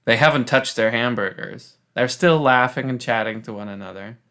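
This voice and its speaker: A man's voice: medium pitch, a bit bright. Man narrating an improvised story. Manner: halting, repeats words, laughs into lines. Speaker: podcast co-host storyteller.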